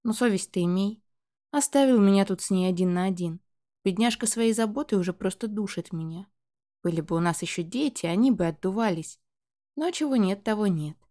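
A woman's voice: medium pitch, brisk, warm tone, lightly acted. A woman reading the lines of a blunt, joking middle-aged father in an audiobook. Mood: grumbling.

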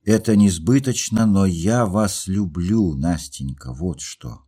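A lovesick young dreamer, earnest and agitated, played by the reader himself. His voice is deep, dark and husky, with fervent, pleading outbursts. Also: slow pace, heavily acted.

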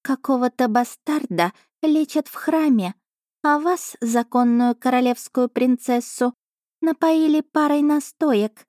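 A spoiled, gluttonous female cat familiar from a fantasy audiobook, performed by a woman narrator. She talks high and slow, drawling each phrase with offended self-importance. The recording is dry and close. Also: a little mellow, no room sound. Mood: indignant. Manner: indignant, drawn-out and self-important.

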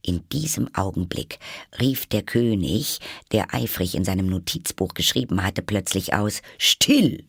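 A man reading a storybook aloud in an expressive, measured way. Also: sits low, creaky, slightly rough, no echo, clean studio sound. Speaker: narrator.

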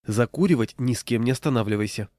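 A man's voice: medium pitch, fast talker, darkish tone, no echo, studio quality, lightly acted. A man voicing an anxious, chatty wife who keeps giving worried warnings. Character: anxious wife, middle-aged woman, fussing.

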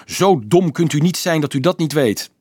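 A man voicing a hot-tempered, defiant teenage boy who snaps and shouts, his voice cracking with rage. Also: a little high, normal speed, breathy edge, dry recording, studio quality, voice pushed up. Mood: angry. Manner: snapping, shouting in anger.

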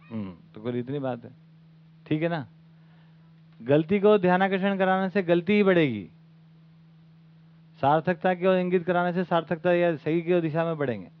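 Man leading a study session, chatty lecturing tone, rhetorical asides, slightly raised pitch, narrow phone-like sound. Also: moderate pace, pauses often. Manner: conversational, asks the audience rhetorical questions. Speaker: teacher leading a study camp. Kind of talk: informal lecture to an audience. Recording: phone-like lo-fi recording.

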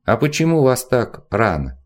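A man's voice: mid-range voice, sing-song, moderate pace, close to an everyday voice. A man voicing a bold young girl who poses as a noble lady, asking eager, probing questions with put-on politeness in a storybook reading.

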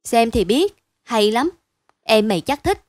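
Boastful village boy, voiced by a woman, loud, insistent, somewhat high, storybook reading, dry sound. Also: sing-song, unhurried, no echo.

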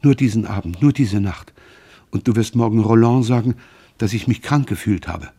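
A man reading the lines of a grieving, frightened mother in an audiobook, in a slow, mournful confessional manner. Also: on the low side, warm tone, breathy edge. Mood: pleading.

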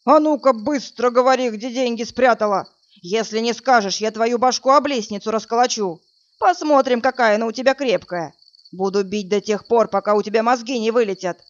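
A woman's voice: fairly high pitch, normal speed, lo-fi sound, natural voice. A woman voicing a brutish, drunk male thug who snarls coarse threats, in a read-aloud crime story. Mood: enraged. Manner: menacing, loud, snarling threats.

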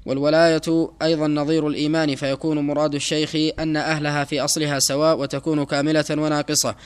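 Fast, flat-voiced student reading aloud. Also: male voice, on the high side, clean tone. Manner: fast, even recitation with small slips. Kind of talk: reading a classical text aloud.

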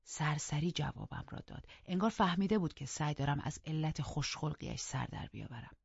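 A measured first-person audiobook narration with a husky voice. It is recorded dry and close, with a dull, lo-fi sound. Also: medium pitch, animated, dry recording. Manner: measured storytelling, hushed at times.

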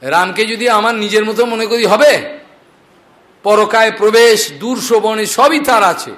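A Bhagavata storyteller preacher with a high-pitched voice tells scripture stories in a devotional style. He is animated and unhurried, acting out the characters' speech.

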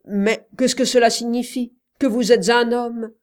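A woman voicing an exasperated man of letters who lectures with sharp, impatient questions. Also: a little high, animated, measured pace.

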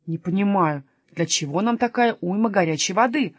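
A woman's voice: mid-range voice, very animated, normal speed, dry recording. Grumpy, stubborn robber man, read by a woman, dry close sound. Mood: grumbling. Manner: grumbling, sulky. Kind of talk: storybook reading.

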